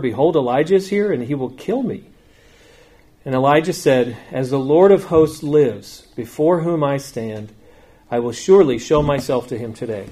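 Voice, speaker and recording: A man preaching in a church, reading scripture aloud with slow, emphatic phrasing and then speaking to the congregation. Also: medium pitch, darkish tone. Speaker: pastor.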